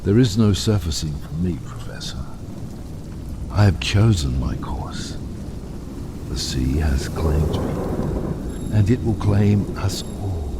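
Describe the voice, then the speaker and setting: An actor playing a brooding, fatalistic submarine captain in a dramatic audio drama, grave and theatrical. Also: male voice, sits low, animated, slow pace, long pauses, very noisy. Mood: grim resolve. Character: brooding, fatalistic, obsessed submarine captain, middle-aged man. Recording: loud cinematic music, storm effects underneath.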